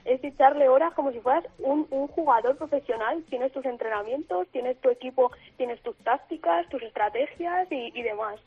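A woman's voice: high-pitched, normal speed, hardly any pauses, breathy edge. A woman from Spain, a guest gamer on a radio interview, explaining at length with frequent restarts over a phone line. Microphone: telephone.

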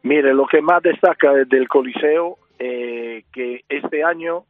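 A Spanish man raised in Italy, speaking with an Italian accent as a circus manager interviewed by phone, halting and repeating words. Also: medium pitch, no echo. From Spain, raised in Italy. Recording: dry tinny phone line.

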